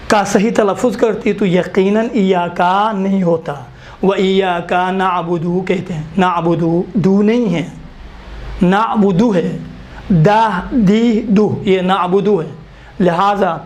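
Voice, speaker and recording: High-voiced man teaching recitation. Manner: patient, spells out vowel sounds slowly. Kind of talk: teaching a class.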